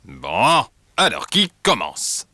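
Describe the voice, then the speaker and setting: A man's voice: lowish voice, wildly swooping pitch, slow pace, bright, forceful tone, dry recording, clean studio sound, full character voice. A man voicing a jovial, kindly elephant dentist in a preschool cartoon, with a coaxing, sing-song manner. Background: music.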